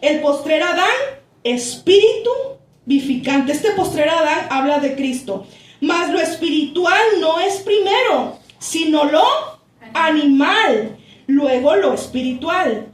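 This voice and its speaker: A woman pastor with a high voice preaches at an unhurried pace, drawing out key words as she reads and explains scripture. She is recorded from some distance in a roomy, echoing church. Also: animated. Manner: slow, deliberate reading that stretches key words, with asides to the congregation. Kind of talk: sermon, reading and explaining scripture. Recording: echoey church room, voice from a distance.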